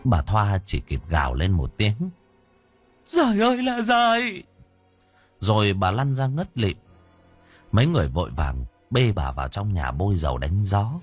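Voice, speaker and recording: A man's voice: deep voice, moderate pace, breathy edge, faint music behind. A man narrating a ghost story dramatically. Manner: expressive, dramatic. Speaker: audiobook narrator.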